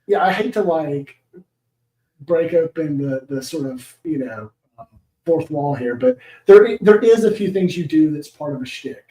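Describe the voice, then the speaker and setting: Male podcast guest, slightly high, mellow tone, roomy echo, wry hedging delivery. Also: animated, normal speed. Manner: wry, hedging, critical commentary. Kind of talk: casual podcast chat. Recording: echoey room.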